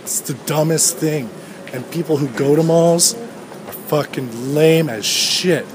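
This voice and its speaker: Out walking on a street, a podcast host in his thirties rants alone in a sardonic, profane, rambling way. His voice is a little high with lively intonation, he takes his time, and traffic and street noise can be heard passing by.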